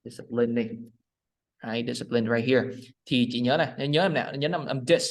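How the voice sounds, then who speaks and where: Male English tutor, video call, patient, drills words slowly. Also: mid-range voice. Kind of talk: one-on-one online lesson.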